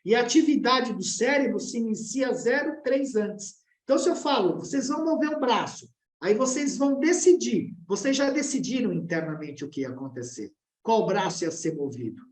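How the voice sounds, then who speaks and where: A woman with a Brazilian Portuguese accent leads a study lesson, talking to the class and checking they follow along. Her voice sits a little high and moves around a lot in pitch. The recording has a roomy echo. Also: expressive, normal speed, a little mellow. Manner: engaging, addresses the class directly with questions. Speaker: class presenter. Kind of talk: explanatory study-group lesson.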